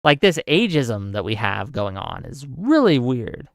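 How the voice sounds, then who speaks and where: This is a man in his forties hosting a livestream, talking politics casually while he reads out questions from his chat, answers them and thinks out loud. His mid-range, gravelly voice is very animated but a little slow. The studio sound is clean, without echo.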